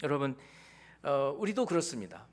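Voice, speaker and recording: A man's voice: mid-range voice, very animated, moderate pace. A male pastor preaching a Sunday sermon, acting out prayers and his listeners' questions as he goes.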